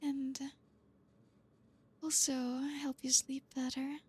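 A young woman whispering softly in an intimate ASMR roleplay, reassuring and coaxing, with frequent low hums. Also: level tone. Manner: soft unvoiced whispering, slow and soothing.

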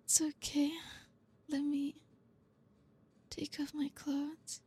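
A young woman whispering softly in an intimate ASMR roleplay, reassuring and coaxing, with frequent low hums. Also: completely flat delivery, a little hiss or hum. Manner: soft unvoiced whispering, slow and soothing.

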